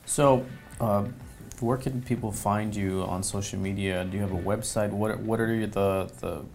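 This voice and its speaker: A man's voice: on the low side, steady tone, unhurried, a little mellow, faint music behind. A man hosting a podcast, friendly and joking, with lots of short affirming replies. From Mexico. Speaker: podcast host. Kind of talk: casual podcast chat.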